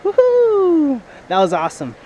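Captured on a head-mounted action camera, a young man fishes from river rocks in a casual vlog, explaining his equipment and whooping at each landed fish. His very high voice swings hugely in pitch, runs a little slow and sounds darkish, with a muffled recording and slight background noise.

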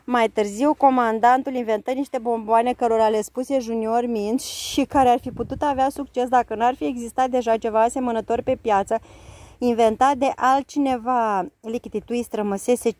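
A woman narrating a children's book aloud in a lively, expressive storytelling manner. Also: a little high, no room sound.

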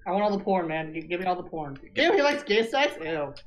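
A man's voice: high voice, big pitch swings, quick pace, crowd noise. A crude, joking young man in group banter. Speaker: gaming group member. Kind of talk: casual banter among friends.

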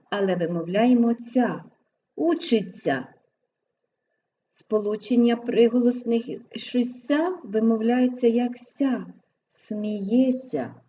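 A woman teaching an exam-prep grammar lesson, slowly sounding out each example word with careful enunciation. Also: a little high, warm tone. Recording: slightly dull, lo-fi recording with faint background noise.

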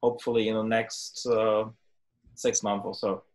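A man's voice: on the low side, flat delivery, normal speed. A man from Germany with a German accent, casually introducing himself on a video call.

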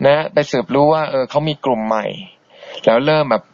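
A man in the host's chair of an internet radio show, talking in a relaxed, polite, chatty way as he answers listeners. His voice sits at an ordinary middle pitch and comes through a dull, boxy low-bitrate stream, close to the mic with no room sound around it. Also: brisk, no echo. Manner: easygoing and polite, chatty, soft-spoken asides. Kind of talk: casual radio chat reading listener messages.

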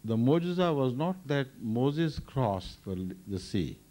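An older man, a religious leader, giving a measured, thoughtful explanation at a microphone during a question session. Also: medium pitch, very animated, dark tone. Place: large indoor hall. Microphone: standing microphone.

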